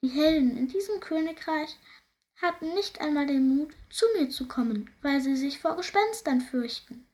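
A woman voicing a sighing, remorseful male ghost of an old squire in a storybook, in a high, plaintive, slow voice. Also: lively intonation, darkish tone. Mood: mournful.

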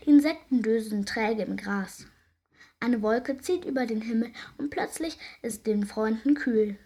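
A woman reading a children's story aloud in a gentle, lively way. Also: fairly high pitch, measured pace, husky.

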